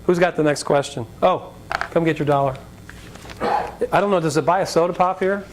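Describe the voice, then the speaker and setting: This informal college lecture features an American guest speaker, a business leader whose slightly raspy voice moves at normal speed as he shares anecdotes, jokes, wanders into tangents, and fields audience questions. The live recording is rumbly, with background noise.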